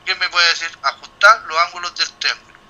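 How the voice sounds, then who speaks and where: A middle-aged university lecturer talks through a statistics problem for his students, thinking out loud with restarts and rhetorical questions. His voice sits high and comes across brisk, pushed and bright. The recording is lo-fi.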